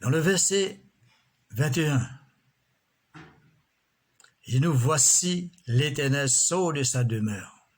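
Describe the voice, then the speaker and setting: A man preaching a sermon in a slow, measured way, often breaking in with alleluias. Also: a little high, animated.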